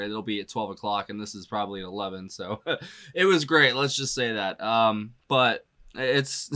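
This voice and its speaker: A man's voice: mid-range voice, pushed and bright. A man talking loosely through a casual music reaction as a drummer, filling his speech with "you know" and "like" and laughing often as he goes.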